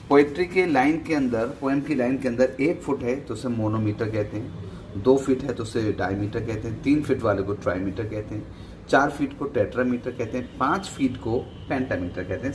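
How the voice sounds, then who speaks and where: A man with an Indian accent teaches a lesson, explaining step by step and asking and answering his own questions, mixing English words into Hindi. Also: mid-range voice. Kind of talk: exam-prep lesson. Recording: distant mic with faint background noise.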